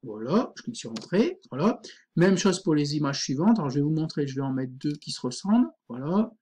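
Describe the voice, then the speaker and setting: A man's voice: fairly high pitch, very animated, a little fast, a little mellow, husky. Chatty man walking through a screen tutorial. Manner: informal, thinks aloud, many fillers like voilà and euh. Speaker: teacher giving a software tutorial.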